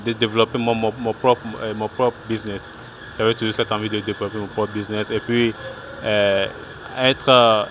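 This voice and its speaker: Outdoors at a city street food stall, a Togolese cook who runs a small food business answers interview questions hesitantly, restarting often. His medium-pitched voice has a sharp tone, with slight background noise.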